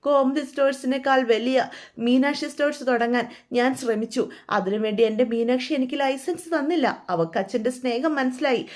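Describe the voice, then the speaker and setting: A woman's voice: high voice, brisk, lightly acted. A woman doing a weeping, remorseful son. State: crying. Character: remorseful grown son, young man.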